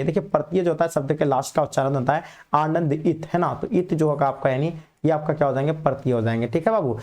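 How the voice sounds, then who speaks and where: Male teacher, rapid delivery, slightly high voice, repetitive quizzing. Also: darkish tone. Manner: brisk, repetitive quizzing, calls students "babu". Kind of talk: exam revision lesson.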